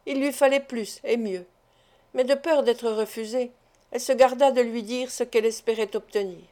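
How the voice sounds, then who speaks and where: Female audiobook narrator, slightly high voice, expressive literary reading. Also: moderate pace. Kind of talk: scripted narration of a classic novel.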